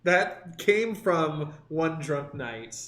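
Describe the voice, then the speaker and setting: A man's voice: a little high, expressive, very slow, fairly bright tone. A young man co-hosting a podcast, talking casually and playfully, rambling and jumping into silly voices. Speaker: podcast co-host. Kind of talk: casual chat. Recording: echoey room with faint hiss.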